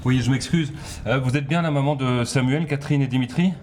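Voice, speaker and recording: A man's voice: mid-range voice, a little fast, darkish tone, a little hiss or hum. A man, a reporter politely and insistently asking to speak with someone at her door. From Belgium. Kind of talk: documentary field reporting.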